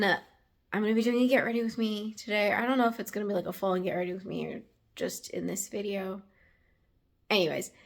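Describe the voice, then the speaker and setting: At home in front of her camera, a young vlogger chats loosely, full of filler words and the odd whispered aside. She speaks at a medium pitch with a slight rasp.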